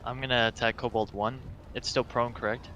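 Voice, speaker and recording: A man's voice: mid-range voice, fairly even intonation, brisk, sharp tone, a little hiss or hum. A man playing a tabletop game, easygoing and checking what his character can reach. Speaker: player. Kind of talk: casual tabletop play.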